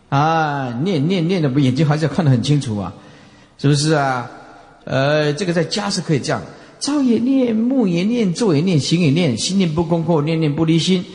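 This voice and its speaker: A man, a Buddhist monk, giving a dharma lecture, stretching and chanting phrases slowly, then dropping into joking asides. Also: fairly high pitch. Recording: long hall reverb.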